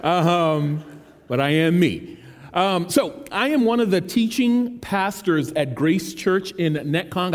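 A man's voice: a little high, big-room sound. A man in his thirties from the United States, a teaching pastor giving a casual, joking sermon in a large church. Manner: casual, self-deprecating and joking. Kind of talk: conversational sermon.

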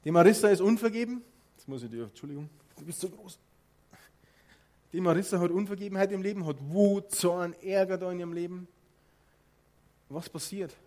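A man's voice: sits high, brisk, long pauses. A man with a Bavarian accent preaching a sermon, asking his listeners direct questions and walking them through a live demonstration. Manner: lively, addresses listeners directly with rhetorical questions.

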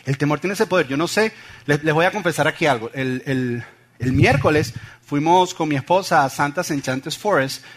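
A man's voice: fairly high pitch, normal speed. A middle-aged man, preaching a sermon with funny anecdotes and acted-out voices. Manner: animated storytelling, acts out voices. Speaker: pastor.

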